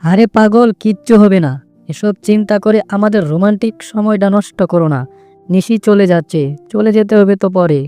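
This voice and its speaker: A woman voicing a gentle, pleading and generous magical talking tree in a soothing cartoon style. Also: mid-range voice, a little fast, clean tone, faint music behind, lightly acted. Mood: reassuring. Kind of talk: cartoon voice acting.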